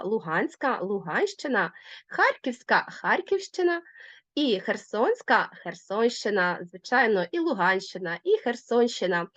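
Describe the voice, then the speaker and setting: A woman teacher talks through a recorded lesson with a lively, rising and falling voice, clear and deliberate as she explains each step. The sound is dry and slightly dull, with no room around it. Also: medium pitch, dry recording. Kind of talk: recorded online grammar lesson.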